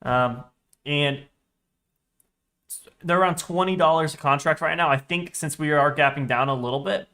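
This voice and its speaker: This is live-stream trading chat from a young man whose voice is congested and stuffy, a little high, and sharp in tone. He talks at a normal speed with long pauses, rambling casually, correcting himself and reading chat aloud.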